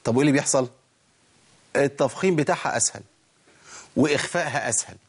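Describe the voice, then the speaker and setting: A man with an Egyptian accent teaching Quran recitation in a recorded lesson, asking rhetorical questions and drawing out example words slowly to demonstrate them. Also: medium pitch, husky. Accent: Egyptian Arabic.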